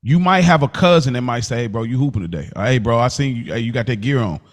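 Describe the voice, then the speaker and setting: A podcast co-host with a medium-pitched voice chats casually at a quick pace. He's slangy and emphatic, often repeating phrases to drive his point home.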